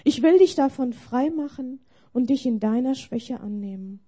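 A woman voicing a gentle, kind Jesus in a story she tells during a sermon, speaking softly and tenderly. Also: high-pitched, expressive, normal speed, breathy edge.

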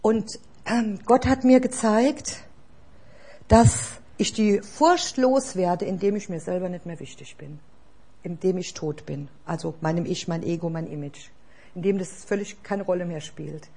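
A woman's voice: on the low side, unhurried, dark tone, slightly rough. A woman preaching a sermon in an earnest, exhorting way, asking the listeners direct questions.

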